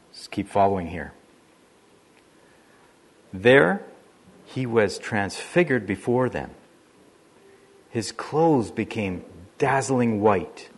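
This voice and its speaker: A man preaching a sermon in a conversational way, shifting his emphasis often. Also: lowish voice. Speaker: pastor.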